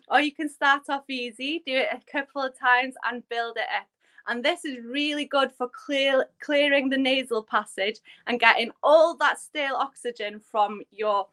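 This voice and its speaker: A Welsh woman guides a yoga breathing exercise and teaches a little Welsh. She speaks slowly and gently, with plenty of ums. Her voice is bright and sits fairly high. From Wales. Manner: gentle, unhurried, with frequent fillers. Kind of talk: relaxed live-stream lesson.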